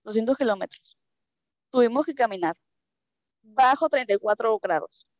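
A woman with a Mexican Spanish accent, originally from Mexico, describes a personal experience in an interview, speaking animatedly at a moderate pace. Emotional throughout, she often repeats phrases for emphasis. The recording is dry, dull, and low-fidelity.

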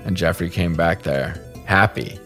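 A man's voice: low-pitched, measured pace, faint music behind. A man from the Salt Lake area hosting a podcast, telling a funny story casually, swearing freely and laughing at himself. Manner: swears freely, animated and self-deprecating. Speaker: podcast host.

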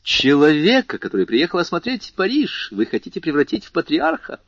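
A man voicing a lively, teasing young viscount in an audiobook, with a high, exclamatory delivery. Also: fairly quick, no room sound, exaggerated voice. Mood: excitable. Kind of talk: audiobook character voice. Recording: slightly muffled lo-fi recording.

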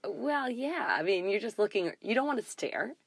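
A woman co-hosting a podcast, telling a story in casual chat, animated and laughing often. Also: fairly high pitch, normal speed, vocal fry, slightly rough, no echo. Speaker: podcast co-host.

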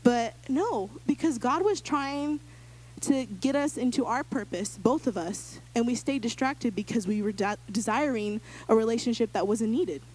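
A young woman giving a casual, animated personal testimony to a church group, acting out the voices in her story and using lots of filler words. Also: a little high, moderate pace. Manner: casual, filler-heavy speech.

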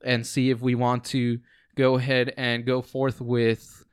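A man's voice: mid-range voice, completely flat delivery, measured pace, clean tone, dry recording, clean studio sound. A man hosting a casual podcast chat at home with friends, easygoing and rambling, with lots of ums. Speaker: podcast host.

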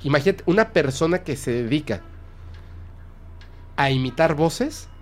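A man's voice: a little high, animated, measured pace. Guy hosting a chatty podcast, acts out every quote as he tells it. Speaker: podcast host. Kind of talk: casual storytelling chat.

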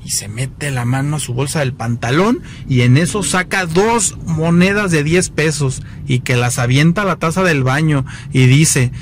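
A man with a Mexican accent telling jokes at an unhurried pace. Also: mid-range voice, a little hiss or hum. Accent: Mexican Spanish. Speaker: joke teller.

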